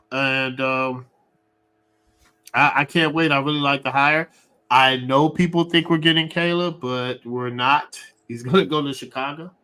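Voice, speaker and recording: A man hosting a live sports fan show, talking eagerly with frequent restarts. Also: mid-range voice. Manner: excited, talks fast with many restarts.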